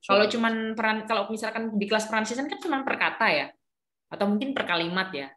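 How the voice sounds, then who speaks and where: A woman's voice: a little high, quick pace, a bit bright. A woman teacher trainer giving a casual briefing, explaining with worked examples and many fillers.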